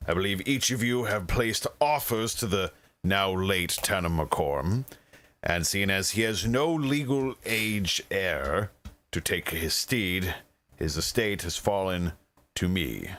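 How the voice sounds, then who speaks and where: Bright, expressive game master, a man with a slow, theatrical delivery. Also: low voice. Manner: theatrical, measured and quick to laugh. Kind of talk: narrating a tabletop game.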